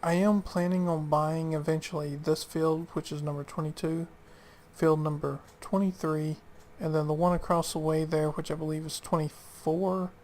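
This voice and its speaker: A man's voice: on the high side, level tone, moderate pace, darkish tone, slight background noise. A man casually talking through his gameplay, muttering to himself and often dropping to a near whisper. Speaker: gaming channel host.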